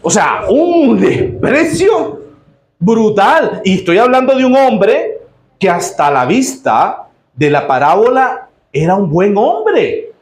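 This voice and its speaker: A man with a Nicaraguan accent delivers a sermon in a fairly high voice, emphatic and full of exclamations. He keeps quizzing the congregation with rhetorical questions. The church around him sounds roomy and echoing. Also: very animated, slow. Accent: Nicaraguan Spanish. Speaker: pastor.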